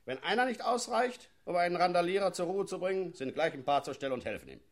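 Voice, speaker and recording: A man's voice: sits high, quick pace. An actor playing a zealous policeman who gloats about using force in a satirical sketch. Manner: gloating, leering, lively. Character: zealous male riot policeman, relishing force. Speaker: policeman character.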